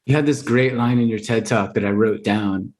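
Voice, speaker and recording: A man hosting an interview podcast, asking reflective, gently probing questions. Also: on the low side, steady tone, normal speed. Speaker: podcast host. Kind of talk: conversational interview.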